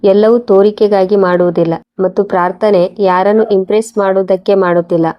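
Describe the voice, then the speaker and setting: A woman voicing a gentle, patient young wife in a soft, steady, quiet way. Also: mid-range voice, fairly quick, muffled recording, close to an everyday voice. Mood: calm.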